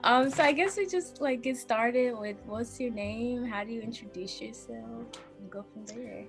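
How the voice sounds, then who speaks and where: A woman's voice: a little high, moderate pace, vocal fry, faint music behind. A woman hosting a casual interview over a video call, affirming her guest and laughing often.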